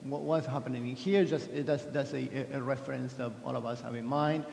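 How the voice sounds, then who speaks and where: With medium pitch, fairly even intonation and a slightly fast pace, this man sounds creaky yet a little mellow, against slight background noise. The Argentine conference speaker keeps his keynote chatty and self-deprecating, restarting often, in a large hall with echo and long reverb.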